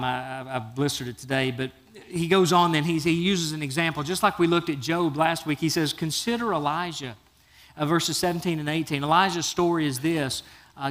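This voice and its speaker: A pastor delivers his sermon in a fairly high, lively voice, spinning Bible stories in casual, down-home phrasing. He acts out the characters' lines as he goes, letting his voice rise and fall. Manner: animated storytelling, acts out biblical figures.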